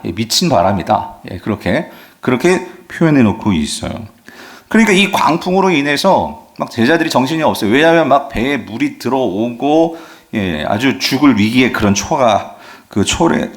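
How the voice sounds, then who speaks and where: A man preaching a sermon as pastor, asking the congregation questions and dropping frequent affirming fillers. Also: medium pitch.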